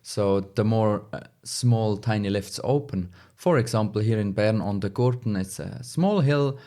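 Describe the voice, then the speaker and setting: Low-voiced man, halting English. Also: dark tone. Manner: halting, non-native English phrasing. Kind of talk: casual conversational advice.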